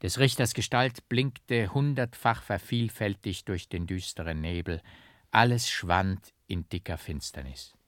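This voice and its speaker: Slow, brooding male audiobook narrator. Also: low voice, no room sound, studio quality. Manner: slow, hushed, brooding delivery. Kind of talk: dramatic literary audiobook reading.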